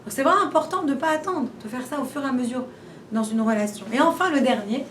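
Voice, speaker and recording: High-voiced woman teaching in a roomy hall. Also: expressive, fast talker. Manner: chatty, repeats and restarts, asks rhetorical questions. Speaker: teacher giving a class. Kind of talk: informal talk to a class. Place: room where she teaches a class. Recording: roomy and distant, faint background noise.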